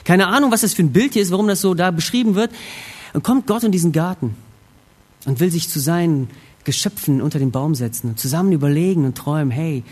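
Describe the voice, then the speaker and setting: A man preaching a sermon, retelling a scripture scene expressively and swinging between hushed reflection and emphatic lines. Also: on the high side, quick pace, breathy edge.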